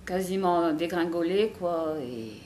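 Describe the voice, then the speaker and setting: A woman from northern France speaking earnestly in a documentary interview, halting and restarting her sentences. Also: lowish voice, a little mellow, slight background noise. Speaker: hospital nutrition workshop participant. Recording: echoey room.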